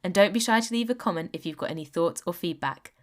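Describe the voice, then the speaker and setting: A young woman with a lowish voice talks fast as she hosts a podcast interview. She reads a scripted intro, then chats upbeat and encouraging, full of praise.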